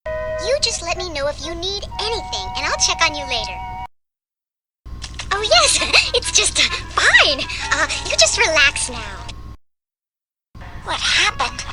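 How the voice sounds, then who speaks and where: A woman's voice: very high voice, exaggerated voice. A woman voicing a spirited, bossy female cartoon woodpecker, speaking theatrically with chirpy, emphatic exclamations. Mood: polite, friendly, then puzzled. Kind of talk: animated cartoon voice acting.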